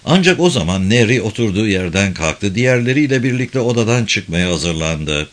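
A man narrating a crime novel as an audiobook in a steady, even reading. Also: fairly low pitch, moderate pace.

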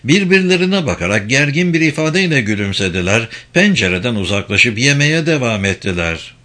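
A man reading a novel aloud as an audiobook narrator, in a measured, even storytelling manner. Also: medium pitch. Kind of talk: scripted narration.

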